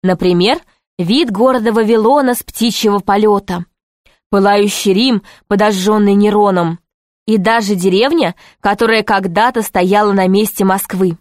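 A woman's voice: medium pitch, moderate pace, a little mellow, no room sound. Woman narrating a storybook, dry sound. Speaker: audiobook narrator. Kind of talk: scripted narration.

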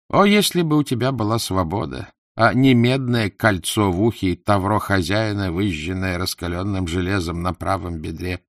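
A man's voice: low-pitched, vocal fry, dry recording, clean studio sound, exaggerated voice. A man voicing a plaintive, wheedling older male merchant held as a slave, sighing and complaining as he talks. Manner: whiny, sighing, fast-talking complaints.

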